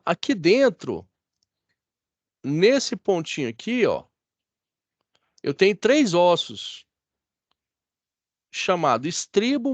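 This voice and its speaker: A man's voice: sits high, no echo. A Brazilian man teaching a classroom lecture, chatty and often asking the class if they follow. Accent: Brazilian Portuguese. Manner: chatty, asks the class for agreement.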